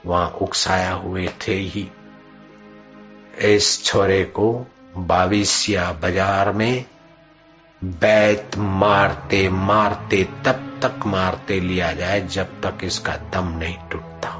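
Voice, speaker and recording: A man giving a devotional sermon, telling a story and acting out its characters with dramatic pauses. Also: sits low, flat delivery, fairly bright tone. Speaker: spiritual preacher. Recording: dull lo-fi recording with faint music.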